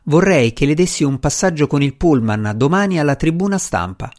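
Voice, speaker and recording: A man's voice: fairly high pitch, animated, brisk, darkish tone. A man reading a novel aloud as a narrator, giving the characters' dialogue small changes of voice. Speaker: audiobook narrator. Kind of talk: scripted narration.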